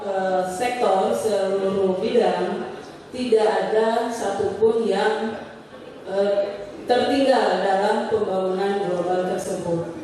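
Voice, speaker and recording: A woman's voice: mid-range voice, steady tone, slow, dark tone. Hesitant woman speaking in echoey hall. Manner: hesitant, many fillers. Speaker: government office employee. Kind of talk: impromptu self-introduction. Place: large meeting hall with an audience. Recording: echoey hall, distant mic, crowd noise.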